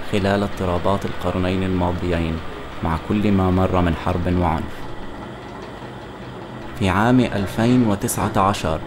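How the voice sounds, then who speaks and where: A man reading a scripted documentary narration in formal standard Arabic, measured and even. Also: sits low, background noise.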